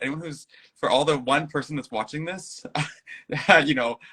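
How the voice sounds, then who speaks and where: A man with a bright, ringing voice talks as a guest in a casual chat. He is reflective and playful, and now and then he slips into silly acted-out voices. His pitch sits in the middle. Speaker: guest and play designer. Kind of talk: casual conversation.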